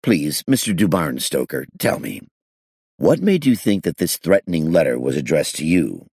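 A man's voice: a bass voice, sing-song, moderate pace, darkish tone, husky, dry recording, full character voice. A man voicing a glum male police inspector who questions in a dry, curt way.

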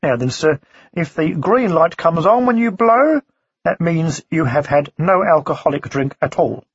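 A man's voice: a little high, animated, unhurried, slightly rough, no echo, voice pushed up, full character voice. A man doing a coldly polite policeman. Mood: officious. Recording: dry, slightly dull recording.

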